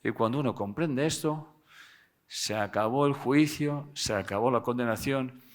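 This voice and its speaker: A man gives a live talk to an audience, animated and joking, often tagging his sentences with a questioning "eh?". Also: medium pitch, a little slow. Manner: animated, tags phrases with "¿eh?" and jokes with the audience. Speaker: speaker giving a seminar.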